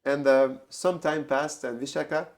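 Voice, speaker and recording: A man casually telling a devotional story, halting and repeating words as he goes. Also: mid-range voice, steady tone.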